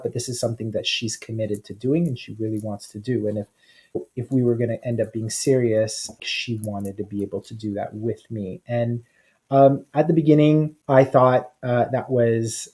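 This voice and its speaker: A man's voice: mid-range voice, normal speed, dark tone, husky, low-quality recording. A man, an executive coach, talking casually on a podcast, easygoing and hesitant with frequent uhs. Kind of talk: casual conversation.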